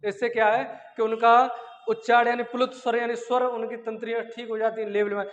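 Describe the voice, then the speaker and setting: A man's voice: very high-pitched, level tone. A male teacher giving an exam-prep grammar lecture, who asks and answers his own questions and stretches out vowels as examples. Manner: drawn-out vowels and chanted syllables as examples. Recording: dull lo-fi audio in a long-echo room.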